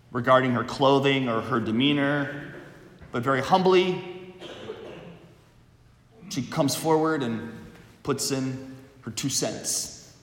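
Slow, measured priest reading and preaching, a man, heard through a long cathedral echo. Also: mid-range voice, a bit bright. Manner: measured, repeats phrases for emphasis. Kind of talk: Gospel reading and homily.

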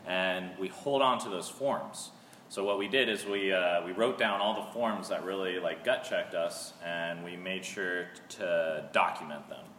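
An American theater artist from Seattle, interviewed in his studio, casually explains his creative process. He has a low, fairly bright voice and speaks unhurriedly. The room is echoey and reverberant, with faint noise.

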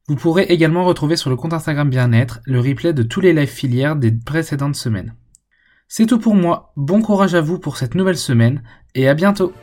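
A man's voice: a little high, darkish tone. Man reading scripted announcements. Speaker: podcast announcer for the wellbeing team.

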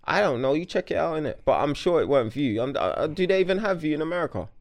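Casual podcast banter: male, London roadman accent and slang, lively, swooping delivery on the higher side. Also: racing. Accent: London, urban street. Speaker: podcast panellist.

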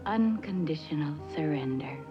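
A woman's voice: deep voice, animated, normal speed. A woman acting a cool, scheming femme fatale in a 1960s crime film. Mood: cool, conspiratorial. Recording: muffled film trailer audio with music.

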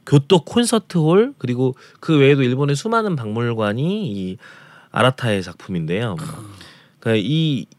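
A man tells his food travel stories on a radio talk show, going through each dish in careful detail. His pitch rises and falls a lot as he talks. The sound is dry and close. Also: very animated, normal speed, darkish tone, no echo. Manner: detailed, descriptive storytelling about restaurants. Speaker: food travel segment presenter.

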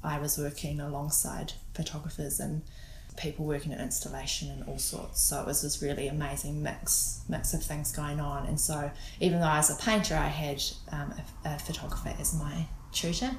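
A woman with a New Zealand accent, talking casually in an interview, relaxed and hesitant with many ums and restarts. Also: low voice, normal speed, vocal fry, few pauses, roomy sound, a little hiss or hum, poor audio. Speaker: guest photographer.

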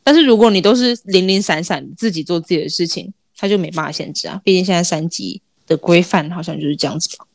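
A woman's voice: lowish voice, fast talker, gravelly, hardly any pauses, no echo. A young woman with a Taiwanese accent chats casually as a podcast co-host, telling anecdotes and acting out the dialogue. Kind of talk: casual chat, storytelling.

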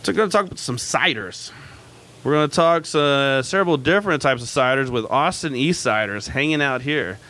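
A man's voice: medium pitch, fairly quick, pushed and bright, slight background noise. A man hosting a casual live radio show from a pub, chatty and self-mocking, with lots of fillers.

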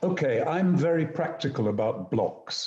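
Man, interview guest, very mellow tone, deliberate articulate storytelling, roomy echo, slightly dull audio. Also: medium pitch, animated, slight background noise. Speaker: interview guest, poet and screenwriter. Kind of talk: reflective conversational storytelling.

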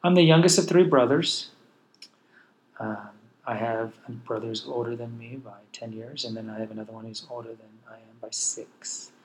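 In a personal storytelling monologue, a podcast host in his forties candidly recounts his own life with wry, self-deprecating humor. His voice is medium-pitched and his pace normal, though the recording quality is low.

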